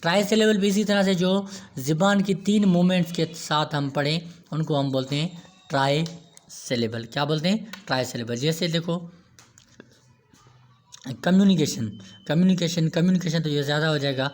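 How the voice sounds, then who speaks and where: A man's voice: a little high, normal speed. A man giving a grammar lecture, repeating himself and answering his own questions as he goes. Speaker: teacher.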